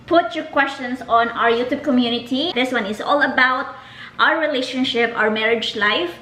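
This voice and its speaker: Woman vlogger, high voice. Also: moderate pace, sharp tone, reverberant, a little hiss or hum, rough recording. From Philippines. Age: 30s. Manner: chatty, reads out viewer questions. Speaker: vlogger host. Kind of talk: casual Q&A chat.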